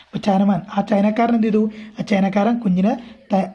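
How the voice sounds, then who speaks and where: A woman teacher with a Kerala accent explains an English story, reading lines slowly and then rephrasing them again and again. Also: mid-range voice, steady tone, mellow. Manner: repeats and rephrases often. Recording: dull lo-fi recording.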